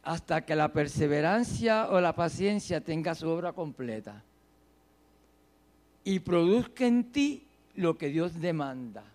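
A man delivers a sermon in a high voice. He talks slowly, dropping to soft, low phrases and then rising to loud, drawn-out emphasis. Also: animated. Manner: dramatic swings between soft and loud, slow drawn-out emphasis. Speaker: preacher.

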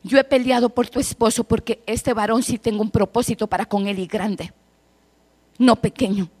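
Fervent woman prophesying in a sermon, somewhat high-pitched, repeating her declarations. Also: fairly even intonation, moderate pace. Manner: fervent, swells loud then drops to a hush; repetitive, chant-like declarations. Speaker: prophetic preacher. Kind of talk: prophetic sermon speaking as God.

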